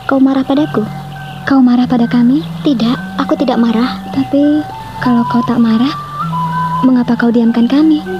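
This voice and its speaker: A woman's voice: fairly high pitch, fairly even intonation, moderate pace, long pauses, muffled recording, loud music behind the voice, close to an everyday voice. A woman playing a pleading young village girl. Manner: pleading and teasing. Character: young village girls, friends quarreling at the river. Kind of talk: Indonesian radio drama acting.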